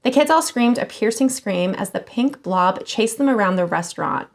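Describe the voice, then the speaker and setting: A woman hosting a channel where she reads scary online stories aloud, expressive and casual, swearing now and then. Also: medium pitch, normal speed, gravelly. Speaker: horror story channel host.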